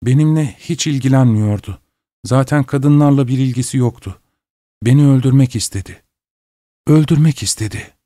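A man voicing a sleepwalking young woman who cries out in shrill, taunting tones. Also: moderate pace, mellow, no room sound, clean studio sound, lightly acted. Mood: hollow murmur.

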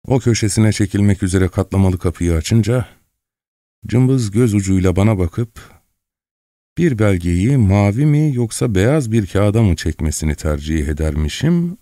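A man narrating an audiobook in a measured, expressive first-person storytelling manner. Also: fairly low pitch, no room sound, clean studio sound.

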